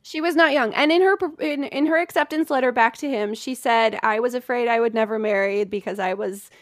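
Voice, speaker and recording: This woman's voice sits on the high side and moves briskly as she hosts a podcast, telling history from her notes among friends. Her asides are chatty and self-deprecating, captured in echo-free studio quality.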